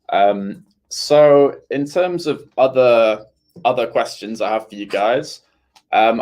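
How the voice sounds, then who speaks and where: A man's voice: mid-range voice, a little mellow. A young man from England, a university student, talking casually to viewers in a chatty, rambling way full of "I mean" and "you know" asides. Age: young adult.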